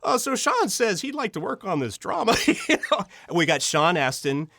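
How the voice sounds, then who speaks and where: This man's high, bright, forceful voice swings widely in pitch, with vocal fry, at a moderate pace; the studio recording is clean with no room sound. Interviewed as an audio drama writer and director, he enthusiastically acts out the dialogue in his anecdotes.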